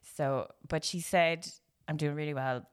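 A woman's voice: deep voice, fairly even intonation, unhurried, clear, resonant tone. A woman in her thirties co-hosting a casual podcast chat, recovering from a stroke, laughing often and sometimes stumbling over her words. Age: 30s. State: numb face, recovering from a stroke. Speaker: podcast co-host.

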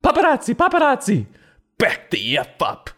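A man's voice: mid-range voice, expressive, measured pace, fairly bright tone, pitched above the performer's own voice. A man voicing a grumpy, defensive groundhog celebrity in a comedic storybook review, complaining and blustering with profanity. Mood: alarmed.

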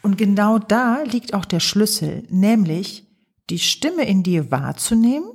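A woman psychologist and coach hosting her podcast, talking gently and thoughtfully with pauses in a calm reflective monologue. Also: mid-range voice, slightly rough. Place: home, early morning.

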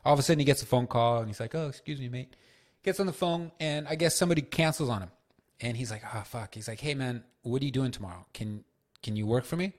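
A man's voice: mid-range voice, quick pace. A man hosting a solo podcast, telling loose, profane stories with lots of fillers. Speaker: podcast host.

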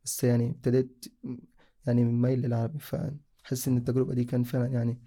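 A man's voice: medium pitch, little pitch movement, fast talker, dark tone. A young man from Sudan, casually telling his own story in a rambling way, often correcting himself mid-sentence. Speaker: guest sharing a personal story.

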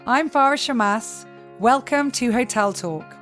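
A woman's voice: on the high side, a little slow, fairly bright tone, faint music behind. A woman as host, reading a polished, friendly show introduction.

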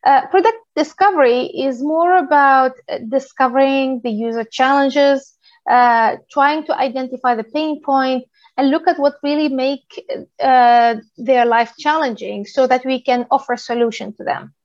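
A woman from Tunisia, a product manager in her thirties, giving a talk in a steady explanatory way with many "uh" pauses. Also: high voice, no room sound, lo-fi sound. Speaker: guest speaker, product manager. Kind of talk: presentation talk.

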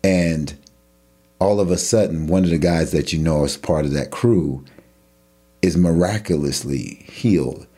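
In a casual Bible discussion, a co-host with a low-pitched, husky voice speaks a little slowly and loosely. He's animated, acting out imagined bystanders in a rising tone.

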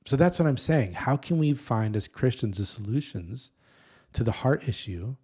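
A man in his thirties preaching casually, telling a story in an animated, rambling way that often breaks off and restarts. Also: medium pitch, moderate pace, slightly rough. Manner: animated, rambling, self-interrupting. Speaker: pastor.

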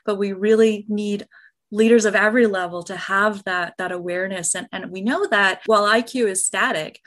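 A woman's voice: mid-range voice, fairly bright tone. A middle-aged woman with an American accent, a medical educator speaking as a guest in a podcast interview, explaining in an earnest, enthusiastic way.

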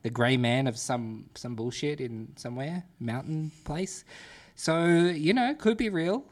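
A man's voice: on the high side, unhurried. A man co-hosting a podcast in casual chat, laid-back and jokey, with casual swearing. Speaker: podcast co-host.

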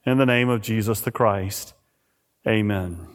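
A pastor preaching a sermon at a pulpit microphone in a church, reading scripture and praying in a measured, emphatic way. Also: male voice, fairly low pitch. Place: church sanctuary. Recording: reverberant church hall.

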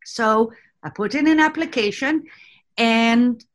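Woman, 60s, from Egypt, podcast guest, conversational, slightly high voice. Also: slow pace. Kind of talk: podcast interview, personal story.

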